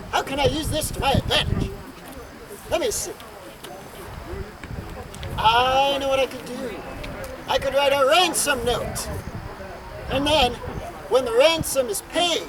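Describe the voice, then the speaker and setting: A man playing a greedy, gleeful scheming servant in a live outdoor comedy, speaking with slow theatrical villainy. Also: crowd noise. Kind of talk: live outdoor commedia dell'arte comedy performance. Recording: very noisy outdoor recording with wind rumble.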